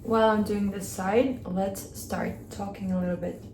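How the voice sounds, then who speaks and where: Mellow-voiced woman chatting in an echoey room. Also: medium pitch, steady tone, moderate pace, slight background noise. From Kazakhstan. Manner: chatty and open, talking while she works. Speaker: beauty vlogger. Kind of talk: casual chat during a hair tutorial. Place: home room, in Hong Kong. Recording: echoey room with faint ambience.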